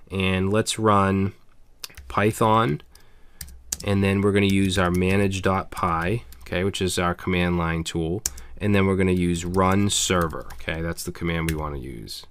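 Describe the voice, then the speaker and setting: A man, slightly hoarse, casually explaining a programming tutorial step by step, with frequent "okay" and "all right". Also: low-pitched, a bit bright. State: slightly hoarse, losing his voice. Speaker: programming instructor. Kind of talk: screencast coding tutorial.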